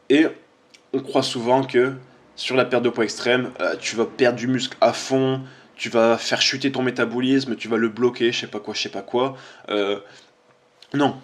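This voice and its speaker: A man, a fitness coach giving casual, chatty commentary on social media posts, informal and full of fillers. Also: mid-range voice.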